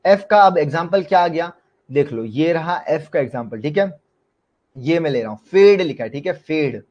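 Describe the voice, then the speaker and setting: A man's voice: fairly high pitch, animated, moderate pace, a little mellow, muffled recording. Indian man teaching a live online class. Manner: explains in Hindi mixed with English terms, questions students often. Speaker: shorthand teacher.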